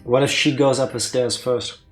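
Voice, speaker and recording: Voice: mid-range voice, fairly even intonation, moderate pace, soft background music. A let's play co-host giving casual, joking commentary on a video game.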